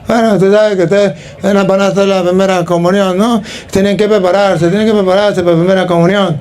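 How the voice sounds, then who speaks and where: A man's voice: high voice, fairly even intonation, fairly quick, darkish tone, natural voice. A man doing a feeble-voiced bishop. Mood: mild. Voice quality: weak, feeble voice. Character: mild older bishop with a weak voice.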